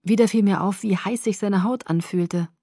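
A woman narrating a first-person story in a calm, measured audiobook reading. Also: mid-range voice, no echo, clean studio sound.

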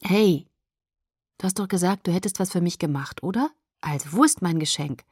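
A woman's voice: fairly low pitch, moderate pace, a little mellow, slightly rough, dry recording, clean studio sound. A woman reading the first-person heroine's lines in a novel, a teenage girl who answers curtly. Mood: coaxing. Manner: curt, hissing when annoyed. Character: teenage girl, impatient and distracted.

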